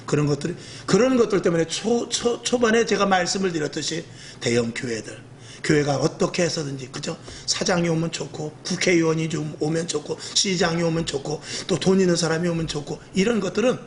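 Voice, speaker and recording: A middle-aged male pastor delivers a lively evening sermon in a rough, earthy voice that sits on the high side. He talks fairly quickly, acting out quoted speech with self-mocking humor, and there is slight background noise.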